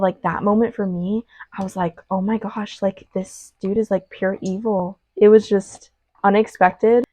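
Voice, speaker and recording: A woman's voice: mid-range voice, a little mellow. A young woman chatting casually while baking in her home kitchen, talking loosely with lots of fillers and restarts. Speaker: vlogger. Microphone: small clip-on mic.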